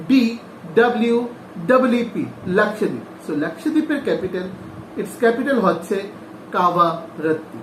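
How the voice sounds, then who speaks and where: A male teacher giving a class lesson, who repeats each name, spells it out letter by letter and asks the class questions. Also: high voice. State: sweating. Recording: echoey room, faint noise.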